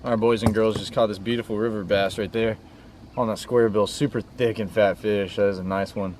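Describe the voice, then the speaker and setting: A young man hosting a casual fishing vlog outdoors, talking in excitable frat-bro slang. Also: fairly low pitch, brisk, noisy background. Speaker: fishing video host. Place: outdoors on a river.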